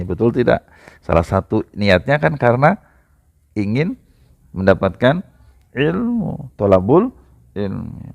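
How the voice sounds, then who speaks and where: A man preaching a sermon to a gathering, speaking to the audience directly and rising into emphatic high outbursts. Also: gravelly.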